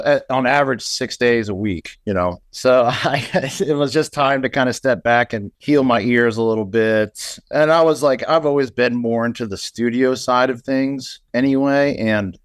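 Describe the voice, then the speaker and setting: A man, an audio engineer chatting as an interview guest in a relaxed, rambling way. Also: medium pitch, no echo, clean studio sound. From Indiana. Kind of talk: casual interview chat.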